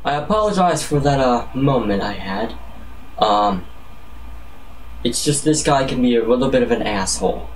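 A man hosts a casual comedic challenge vlog in a medium-pitched, animated voice. He is profane and jokey, overplaying his reactions, and the recording carries faint noise. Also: normal speed, long pauses, recorded from a distance, rough recording. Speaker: vlogger.

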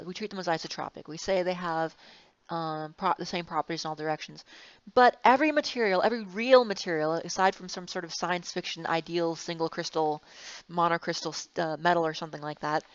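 Here a mid-range female voice belongs to an engineering instructor whose recorded lecture wanders, with self-corrections and wry remarks along the way. The recording is dry, dull and a bit muffled.

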